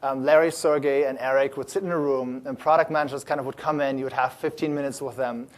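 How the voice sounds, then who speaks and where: The founder of a startup accelerator gives a conference talk to an audience, upbeat and animated. His speech is loose, full of fillers and restarts, delivered quickly in a mid-range voice.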